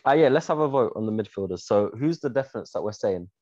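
A man's voice: on the low side, lively intonation, quick pace, mellow, no echo, muffled recording. A young man in a casual football debate among friends.

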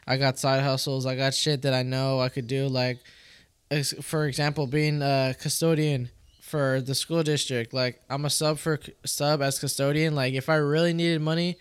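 Clear-voiced young frat bro. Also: male voice, mid-range voice, level tone, moderate pace, no room sound. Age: 20s. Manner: frat-bro talk, slangy, heavy "bro" and swearing. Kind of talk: casual chat.

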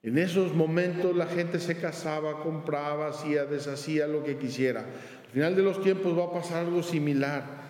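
A male priest giving a homily with slow, earnest storytelling. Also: fairly high pitch, steady tone, a little mellow. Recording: roomy church reverb.

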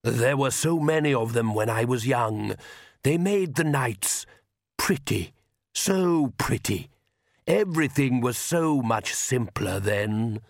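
A man voicing an ancient, courtly male vampire count who speaks slowly and with refined calm. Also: medium pitch, gravelly, dry recording, studio quality. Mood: wistful. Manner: slow, refined and unhurried.

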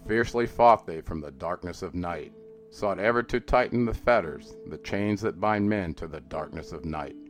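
A man giving a solemn, declamatory reading of an archaic mystical text, rising on each call and sinking low at the ends of lines. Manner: slow, intoning and declamatory, rising on calls and dropping low at line ends. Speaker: reader. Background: soft guitar music.

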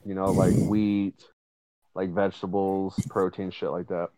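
A man's voice: deep voice, level tone, measured pace, dark tone, no room sound, poor audio. A young man rambling casually on a podcast, full of fillers and swearing. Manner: rambling, profane, filler-heavy. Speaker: podcast co-host. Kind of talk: casual chat.

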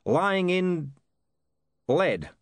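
A man voicing a blunt, sardonic dwarf with a deadpan delivery. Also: sits high, drawn-out words, no room sound, voice pushed up, exaggerated voice.

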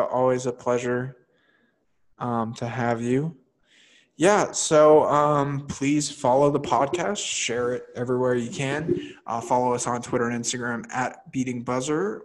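A young man hosting a podcast, chatting casually and laughing often, with lots of fillers as he trails off. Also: medium pitch. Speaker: podcast host. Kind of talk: casual chat.

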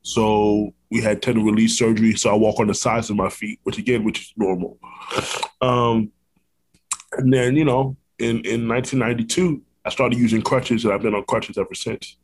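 A man's voice: on the low side, steady tone, moderate pace, darkish tone, slight background noise, low-quality recording. A man born in Brooklyn and raised in Orlando, hosting a podcast interview, earnest and affirming, with frequent fillers. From born in Brooklyn, New York, raised in Orlando. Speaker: podcast host. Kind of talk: conversational interview.

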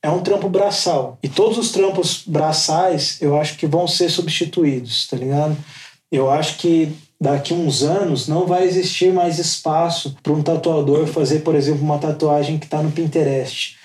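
A man's voice: a little high, fairly even intonation, normal speed, a little mellow. A man, a Brazilian tattoo artist, being interviewed on a podcast in a casual, slangy way full of fillers. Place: podcast studio. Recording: echoey studio with faint noise.

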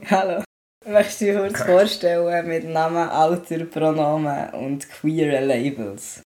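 A young man hosting a podcast, talking calmly and quietly in casual chat. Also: a little high, unhurried. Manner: calm, quiet talker, rises when emotional. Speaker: podcast host.

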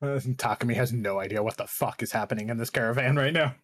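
A man's voice: mid-range voice, quick pace, a bit bright. A man playing a tabletop game, blunt and casually swearing as he describes his character. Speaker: player.

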